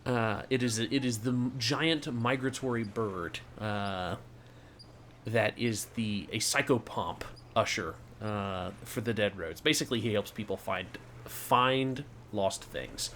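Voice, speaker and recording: A man's voice: lowish voice, takes it slowly, fairly bright tone, slight background noise. A man playing a tabletop game, talking casually and in a jokey, self-deprecating way about his character.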